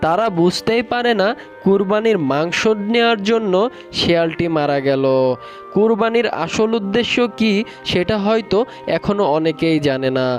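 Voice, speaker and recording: A narrator telling a cartoon story in a slow, solemn manner. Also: medium pitch, animated, faint music behind.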